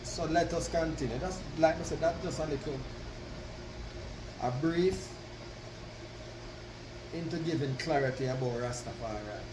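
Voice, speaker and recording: A man delivers a devotional address in Rasta speech, slowly and deliberately. He proclaims with weighty pauses and emphatic declarations. The recording is roomy and off the mic, with steady noise behind him. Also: fairly high pitch. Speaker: Rastafari speaker addressing followers. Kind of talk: devotional address with reading of own written piece. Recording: roomy, distant mic, constant background noise.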